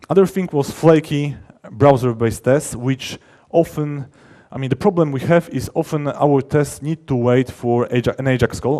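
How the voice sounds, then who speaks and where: A male software developer speaking at a conference in his language, with a relaxed, mellow timbre at ordinary male pitch. He explains technical matters informally, stressing key words, and his sentences often stop and restart as he rephrases.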